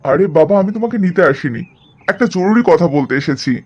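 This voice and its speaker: In a lo-fi recording, a man voices an easygoing, affectionate young husband in an animated cartoon drama. His voice is high, expressive and breathy-edged, and he talks fast as he coaxes and explains.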